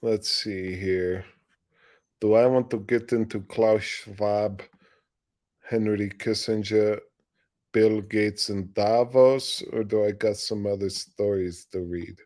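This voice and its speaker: A hoarse man with a somewhat low voice hosts a live news stream. He reads stories aloud in a plain way and keeps breaking into rambling, casual commentary full of asides and restarts. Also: fairly even intonation, slow, darkish tone. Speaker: livestream news show host.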